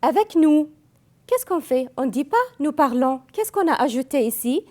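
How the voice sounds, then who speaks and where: A woman whose first language is Arabic, teaching French grammar slowly, spelling out verb endings and repeating each form. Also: high voice, lively intonation, dark tone. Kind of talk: classroom grammar lesson.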